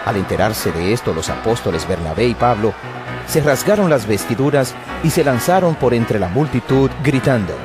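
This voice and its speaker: A man's voice: mid-range voice, lively intonation, normal speed, music in the background. A man giving solemn, scripted narration of a dramatized Bible.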